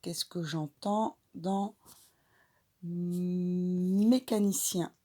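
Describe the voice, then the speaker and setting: A woman teacher, slowly demonstrating a reading activity and stretching out each sound. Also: on the low side, warm tone, faint music behind. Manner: slow, deliberate, stretches out sounds.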